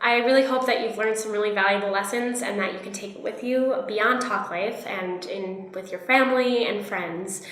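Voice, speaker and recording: A woman giving peer support training in a gentle, encouraging instructional tone. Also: mid-range voice, moderate pace, few pauses. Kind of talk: instructional narration. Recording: roomy echo.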